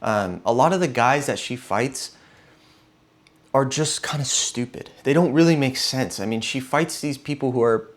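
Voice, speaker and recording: A man's voice: medium pitch, normal speed. Frank young man reviewing a movie. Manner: frank, opinionated, fillers and restarts. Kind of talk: casual spoken movie review.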